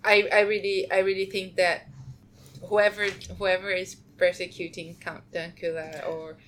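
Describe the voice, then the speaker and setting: A woman in a casual group discussion, speaking in a measured, deliberate way. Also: fairly low pitch, level tone, slight background noise. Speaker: discussion participant.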